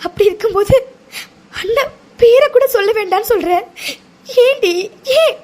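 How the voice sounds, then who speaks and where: A woman voicing a very high, anxious young sister. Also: lively intonation, moderate pace, darkish tone. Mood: upset, questioning. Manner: pressing questions, emotional. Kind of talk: cartoon voice acting.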